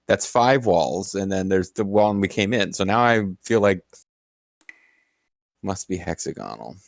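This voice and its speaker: A man's voice: deep voice, expressive, a little slow, creaky, no room sound, studio quality. A man giving casual gameplay commentary with sarcastic jokes and frequent laughter. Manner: sarcastic, joking, laughs often. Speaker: co-host of a gameplay video.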